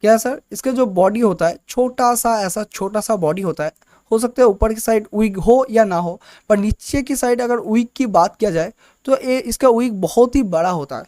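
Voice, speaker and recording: A man's voice: sits high, normal speed, dark tone, no echo, studio quality. A man teaching candlestick chart patterns in a casual lesson, explaining step by step and often repeating and restarting words. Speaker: trading teacher.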